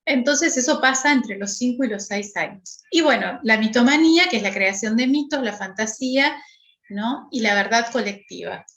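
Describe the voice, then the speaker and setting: A woman's voice: fairly high pitch, lively intonation, normal speed, fairly bright tone, reverberant, rough recording. A middle-aged woman with a Rioplatense Spanish accent teaching a workshop class, explaining step by step and checking in with "¿sí?" again and again. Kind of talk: online class lecture.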